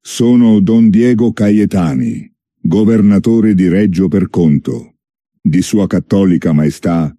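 A man playing a usually soft-spoken city governor who thunders a defiant challenge. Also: low voice, takes it slowly, dry recording, studio quality. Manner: thundering, commanding proclamation.

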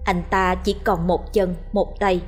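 Husky woman narrating a ghost story. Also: fairly low pitch, flat delivery, a little slow, soft background music. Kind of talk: scripted horror story narration.

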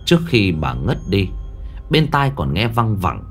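A man narrating a ghost story in a lively, dramatic storytelling manner. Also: fairly low pitch, measured pace. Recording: faint background music.

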